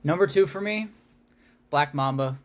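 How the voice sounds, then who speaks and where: A young man co-hosting a casual sports podcast, getting excited as he talks. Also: a little high, moderate pace. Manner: excitable, builds up energy in stories. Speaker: podcast co-host.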